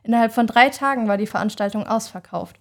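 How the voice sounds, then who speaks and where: A woman's voice: fairly high pitch, quick pace. Woman, event organizer; prepared, glowing introduction.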